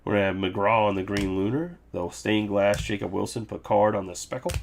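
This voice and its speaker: A man's voice: fairly low pitch, brisk, creaky, a little hiss or hum. A man hosting a live card break, casually recapping hits with loose jokes and asides. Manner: loose, joking, reads off card names.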